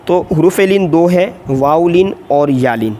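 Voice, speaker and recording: A man teaching a Quran reading lesson, explaining quickly and then chanting letter drills slowly and louder. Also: a little high, lively intonation, a little hiss or hum. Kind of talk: tutorial lesson with slow drawn-out drill recitation.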